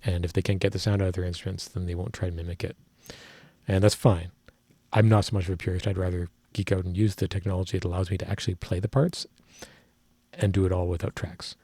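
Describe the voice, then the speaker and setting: Husky low-voiced man musing about music. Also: level tone, quick pace, mellow, no echo. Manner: rambling, technical, thinks aloud with self-corrections. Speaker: musician reacting to a music video. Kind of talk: casual music analysis.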